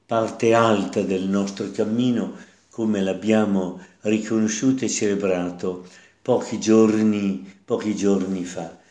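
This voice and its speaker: A man delivers a sermon as a priest, reading scripture and then reflecting on it. He speaks at a very slow, deliberate pace and circles back over his own phrases. The recording carries the echo of a church room. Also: on the low side, dark tone.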